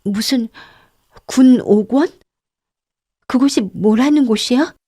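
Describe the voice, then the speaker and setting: A woman reading an audiobook voices a timid, innocent young nun who speaks softly and anxiously. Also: fairly high pitch, takes it slowly, husky, pitched above the performer's own voice. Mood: uneasy. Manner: soft, anxious, trembling speech.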